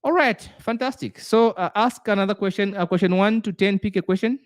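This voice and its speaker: Male tutor, slightly high voice, dry close sound, explains patiently and repeats points. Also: a little fast, dry recording. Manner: repeats points, frequent "uh" fillers. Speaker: auditing tutor quizzing a student. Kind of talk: explanatory lesson with worked examples.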